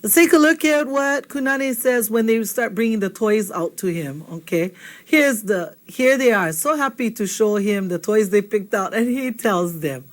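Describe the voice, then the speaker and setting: A Hawaiian language teacher gives a casual video lesson on vocabulary, speaking in a mid-range voice at normal speed. Chatty throughout, she checks in with the learner by asking "okay?" after nearly every point.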